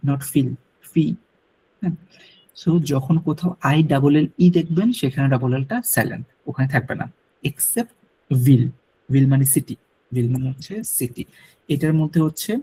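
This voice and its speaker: A man's voice: mid-range voice, mellow, breathy edge, rough recording. A man teaching a French lesson to students, patiently repeating pronunciation drills. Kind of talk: classroom lecture.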